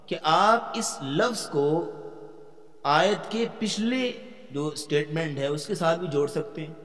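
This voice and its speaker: A man lecturing as a Quran teacher in a hall with a long, lingering reverb. His voice sits a little high for a man. He explains step by step, quizzes his class and slows down to chant verses. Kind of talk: tafsir lecture.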